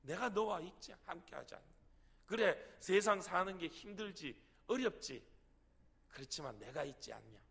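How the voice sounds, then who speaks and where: A man voicing God as a gentle, fatherly figure who speaks softly and reassuringly. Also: high voice, lively intonation, normal speed, vocal fry, breathy edge, long reverb tail, voice pushed up, full character voice. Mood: tender, reassuring. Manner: soft, reassuring, tender.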